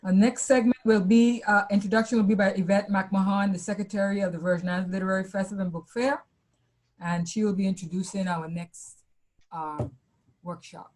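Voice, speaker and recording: Woman, webinar moderator, video call, quiet quick introductions. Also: mid-range voice, fairly even intonation. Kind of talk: hosting announcements.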